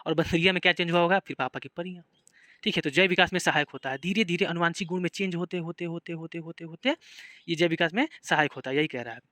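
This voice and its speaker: Man, Bihari accent, biology teacher, high bright voice, dry close sound. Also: very fast, no echo. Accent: Bihari Hindi. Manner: explains in simple terms with repeated questions to students. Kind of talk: classroom lecture.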